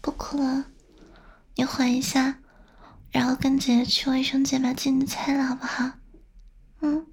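A woman's voice: high-pitched, monotone, moderate pace, creaky, pauses often, breathy edge, exaggerated voice. A young woman playing a stern but doting older sister who scolds and coaxes the listener, in a whispered role-play. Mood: soothing. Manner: scolding, then coaxing softly.

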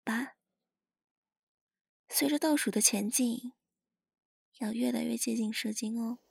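A woman voicing a teasing, contemptuous, dominant young woman in an adult ASMR role-play, breathy and husky, murmuring right into the listener's ear. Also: a little high, slow pace, darkish tone, no echo, studio quality, exaggerated voice. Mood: teasing, coaxing. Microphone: very close, dry microphone.

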